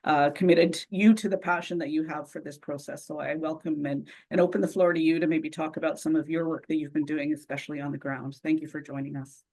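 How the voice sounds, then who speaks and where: Panel moderator, female, gravelly and narrow-ranged, appreciative tone, lots of "um". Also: sits low, steady tone. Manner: warm, appreciative, halting with fillers. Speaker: forum moderator.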